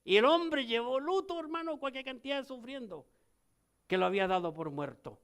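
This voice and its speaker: In an animated sermon at normal speed, an older pastor with a Chilean accent moves back and forth between emphatic, loud lines and soft, low ones.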